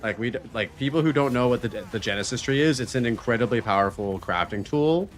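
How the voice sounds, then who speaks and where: A man's voice: medium pitch, expressive, fast talker. A man live-streaming a game and chatting casually as host, in informal gamer slang. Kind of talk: casual live-stream chat over gameplay. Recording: faint background noise. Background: quiet game sounds and voices.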